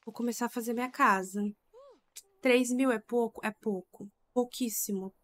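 Addressing her audience as "gente," a young woman streams a life-simulation game, chatting and exclaiming throughout her casual commentary. She speaks at normal speed in a fairly high, fairly bright voice with fairly even intonation.

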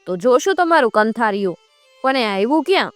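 A woman's voice: on the high side, big pitch swings, fairly quick, no room sound, soft background music, voice pushed up. Brief: woman doing a curt, commanding king, short questions, dry close recording. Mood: probing. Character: proud king questioning a wailing bard, man.

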